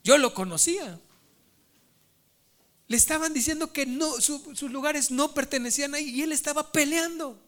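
High, bright-voiced preacher man. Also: normal speed. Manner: storytelling, addresses listeners as brothers. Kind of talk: sermon.

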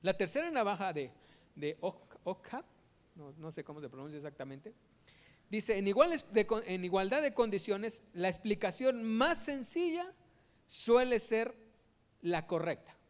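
A man's voice: high-pitched, sing-song, measured pace. A man preaching in a conversational way, asking the audience rhetorical questions.

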